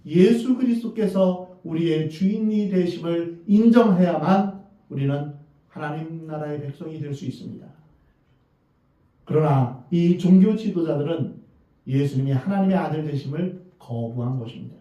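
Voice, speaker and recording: A man's voice: a little high, moderate pace, mellow. Male pastor preaching in a very echoey church. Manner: earnest preaching with rhetorical questions to the congregation. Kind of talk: sermon. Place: church sanctuary. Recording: very echoey, distant, dull church recording.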